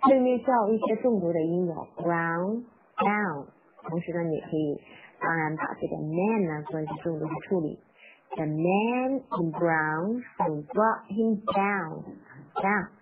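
Female English teacher, live stream, patient and repetitive, lowish voice, tinny phone-line sound. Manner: patient and instructive, repeats words slowly and spells out sounds; reads the rhyme aloud at slow, medium and fast speeds. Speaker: English teacher for parents and children. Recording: tinny phone-like sound with faint background noise.

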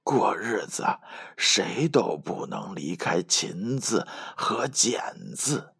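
A man voicing a wise old man who gives earnest advice in a hushed, breathy voice, inside a children's bedtime story. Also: lowish voice, animated, takes it slowly, exaggerated voice.

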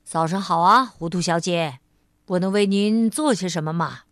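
Brief: a woman playing a courteous, patient bank manager in a storybook, deeper and even-toned. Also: no room sound, close to an everyday voice. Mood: polite. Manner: courteous, measured.

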